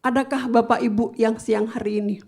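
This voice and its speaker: A woman pastor preaching with a fairly high voice. She swings between loud, emphatic lines and soft asides. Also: fairly even intonation, fairly quick. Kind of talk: sermon with personal anecdotes.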